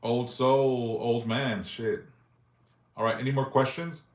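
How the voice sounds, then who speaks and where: Slow and steady in tone, a man's mid-range voice echoes around the room. In his forties, he hosts a casual live stream, reading viewers' yes-or-no questions aloud and answering them briefly with loose, profane talk.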